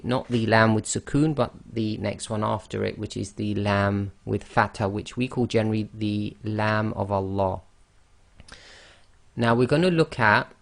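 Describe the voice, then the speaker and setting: Male online tutor, low and gravelly, very measured delivery, patient step-by-step explainer. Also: a bit bright. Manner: slow, careful explanations with frequent "okay" and "i e". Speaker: Quran recitation teacher. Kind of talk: slide-based online lesson.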